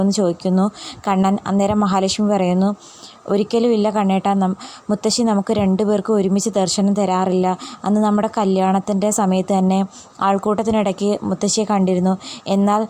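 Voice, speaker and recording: A woman's voice: medium pitch, dark tone. A woman casually retelling a TV serial episode, quoting the characters' lines with frequent fillers and restarts. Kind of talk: casual spoken recap of a TV serial.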